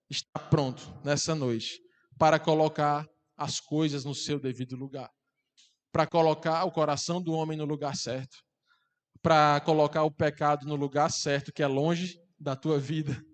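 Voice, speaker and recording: Impassioned pastor preaching in a hall. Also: male voice, a little high. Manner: impassioned preaching, building to loud climaxes. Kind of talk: sermon. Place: church hall.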